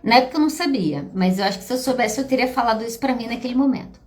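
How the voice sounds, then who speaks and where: A woman's voice: on the high side, rapid-fire, darkish tone. A middle-aged Brazilian woman, a psychologist, talking casually to viewers on a live stream and addressing them directly. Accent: Brazilian Portuguese. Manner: chatty, addresses listeners directly.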